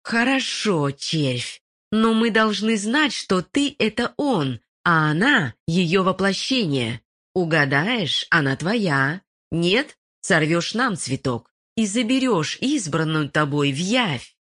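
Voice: mid-range voice, sing-song, takes it slowly, fairly bright tone, pitched above the performer's own voice, heavily acted. A narrator voicing a chorus of malicious female forest spirits, hissing and gloating, in an audiobook. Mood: contemptuous, commanding. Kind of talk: audiobook voice acting.

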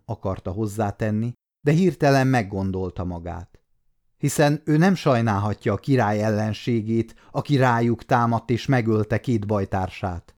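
Calm man in his fifties narrating. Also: lowish voice. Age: 50s. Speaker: audiobook narrator. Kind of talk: scripted narration.

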